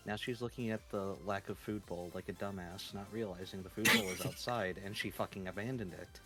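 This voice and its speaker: A man's voice: sits low, steady tone, fairly quick. A man, a guest on a casual live stream, who teases and swears at his cat as he talks. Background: faint background music.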